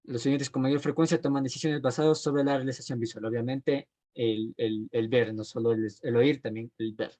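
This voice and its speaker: A man teaching a homiletics class, explaining his points plainly and often pausing with fillers and restarting his sentences. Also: mid-range voice, steady tone, warm tone. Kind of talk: recorded class lecture.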